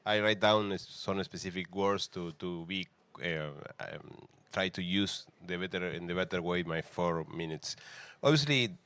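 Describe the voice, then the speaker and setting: A man from Argentina, a native Spanish speaker, speaking as a panelist in halting English with many restarts. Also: deep voice, fairly bright tone. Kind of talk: panel talk.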